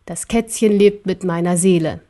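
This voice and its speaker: A woman's voice: lowish voice, warm tone, pitched below the performer's own voice, close to an everyday voice. A woman reading a storybook aloud, voicing an ancient emperor who speaks through a cuddly cat with a hard, cold, mocking voice. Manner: slow, mocking, commanding.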